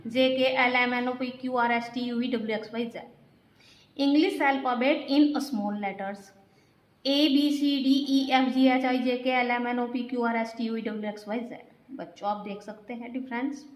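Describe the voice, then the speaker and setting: A woman's voice: a little high, flat delivery, moderate pace, roomy sound, low-quality recording. A woman teaching grammar to children, patiently spelling out letters one by one and often speaking to the class directly. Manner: repeats points and keeps addressing the children.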